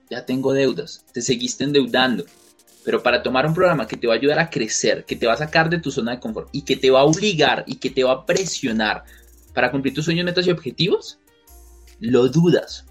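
Speaking to camera, a male motivational coach delivers an emphatic, repetitive talk, peppering the listener with rhetorical questions and acting out the people he quotes. His voice is mid-range and slightly rough.

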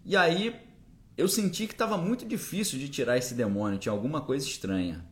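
A man's voice: a little high, expressive, a little fast. A man, a podcast host and preacher, telling a first-person story in a conversational way that keeps checking in with listeners.

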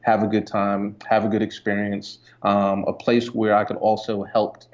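A man's voice: on the low side, moderate pace. A man from Jamaica, a guest entrepreneur and photographer, talking casually in an interview with many fillers. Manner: relaxed, conversational, many fillers. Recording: dull lo-fi sound.

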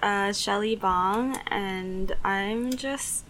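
A woman's voice: mid-range voice, extremely slow, a bit bright, a little hiss or hum. A young woman co-hosting a podcast, telling stories in a rambling way full of "like" and fillers and laughing often. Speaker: podcast co-host. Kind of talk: casual chat.

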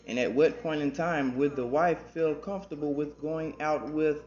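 A man's voice: fairly high pitch, fairly even intonation, normal speed, darkish tone, slight background noise. Southern US man in a roomy, dull recording. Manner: loose and playful, repeats words, slangy. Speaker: podcast co-host. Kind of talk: casual chat. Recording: roomy, slightly dull podcast audio.

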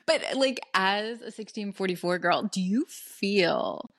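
A woman's voice: medium pitch, measured pace, a bit bright, no echo, clean studio sound. A woman co-hosting a podcast, chatting casually with a laughing, self-mocking manner. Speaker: podcast co-host. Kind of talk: casual chat.

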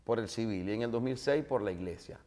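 A man's voice: fairly low pitch, fast talker. A man in his forties with a Maracaibo Venezuelan Spanish accent, a guest telling anecdotes in a casual interview with plenty of fillers and jokes. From Zulia, Venezuela. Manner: animated, jokey anecdotes with many fillers.

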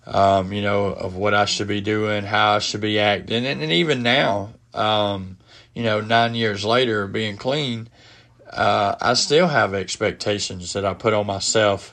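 A middle-aged man with a head cold hosts a casual podcast alone in his home office, and his delivery is halting, full of fillers and restarts. His lowish voice is gravelly, with a fairly bright tone.

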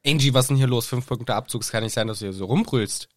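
A man's voice: mid-range voice, fast talker, no echo, clean studio sound, lightly acted. A man voicing a stern older female deputy headmistress who scolds. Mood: scolding.

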